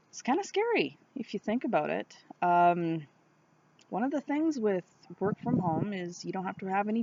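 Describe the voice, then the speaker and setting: A woman's voice: on the low side, darkish tone. Woman vlogging, dull lo-fi sound. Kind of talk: casual vlog monologue. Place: outdoors on a windy day. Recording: dull, lo-fi outdoor recording.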